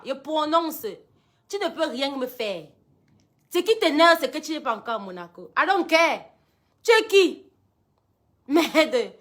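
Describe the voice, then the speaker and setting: Woman, high voice, bright tone, dramatic storyteller, mixes in English. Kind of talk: animated storytelling to followers.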